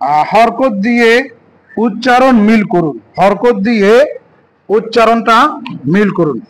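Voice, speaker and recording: A man teaching Quran reading, spelling out letters and vowel marks slowly and asking the learner rhetorical questions. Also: sits high, lively intonation, poor audio. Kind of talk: step-by-step reading lesson.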